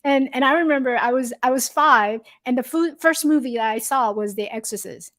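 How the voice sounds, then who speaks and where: High-voiced woman from Taiwan, lively guest. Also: fairly quick, a little hiss or hum. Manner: animated, laughs often, simple non-native grammar. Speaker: podcast guest, storyteller. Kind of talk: casual interview chat.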